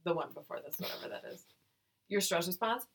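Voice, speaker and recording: A woman with a fairly low voice co-hosts a podcast in casual chat. She reads text aloud and breaks off into playful, cursing jokes. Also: animated, brisk, creaky. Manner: playful, profane, jokey asides. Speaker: podcast co-host.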